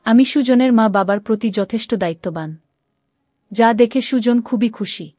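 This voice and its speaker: Woman, first-person story narration, mellow warm tone, dry close sound. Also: fairly high pitch, moderate pace, no echo. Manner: reads all characters in her own voice with small shifts.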